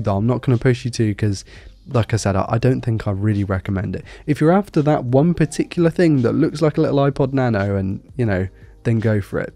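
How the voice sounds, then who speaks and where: A man's voice: mid-range voice, warm tone, dry recording. Nasal man reviewing gear. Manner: candid, thinking aloud with restarts. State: nasal from a cold. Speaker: tech reviewer. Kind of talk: casual product review.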